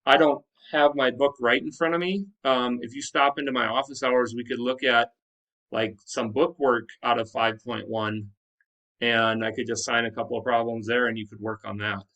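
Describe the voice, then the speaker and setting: A man's voice: medium pitch, fairly even intonation, normal speed, sharp tone. Male teacher addressing class, distant mic. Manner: instructive, checks understanding with questions. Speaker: high school math teacher. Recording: distant microphone.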